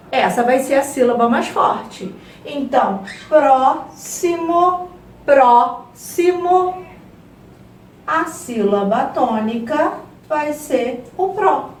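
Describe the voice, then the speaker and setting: A Brazilian woman teaching a review lesson to young children, stretching words out slowly and playfully. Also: fairly high pitch, roomy sound, far from the mic, slight background noise. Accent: Brazilian Portuguese. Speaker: primary school teacher.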